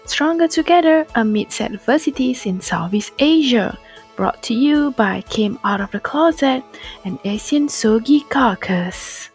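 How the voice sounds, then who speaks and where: Slow-reading female podcast host. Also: fairly high pitch, lively intonation, faint music behind, low-quality recording. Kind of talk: scripted podcast intro.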